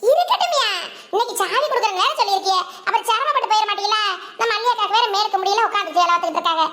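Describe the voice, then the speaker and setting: A woman's voice: extremely high pitch, very fast, bright, forceful tone. A woman voicing a chatty, teasing village girl in a cartoon, often laughing as she talks. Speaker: cartoon voice artist doing several village characters.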